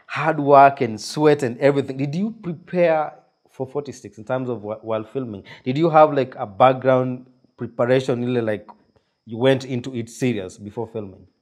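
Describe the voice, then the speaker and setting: A Kenyan man in his forties hosts an interview, encouraging and attentive. He asks questions plainly and fills the gaps with short hums, close to a boom mic in a small room. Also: moderate pace, darkish tone. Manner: encouraging, many back-channel hums. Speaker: podcast host. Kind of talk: interview hosting. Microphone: studio mic on boom arm.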